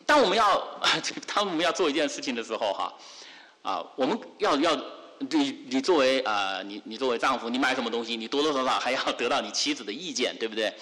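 A man preaching a sermon, animated, asking rhetorical questions again and again. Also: mid-range voice, a little fast, in a large hall.

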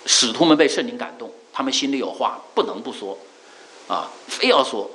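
Earnest male preacher, lively pitch. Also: slight background noise, poor audio. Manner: earnest, repeats phrases, drawn-out fillers. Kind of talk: sermon.

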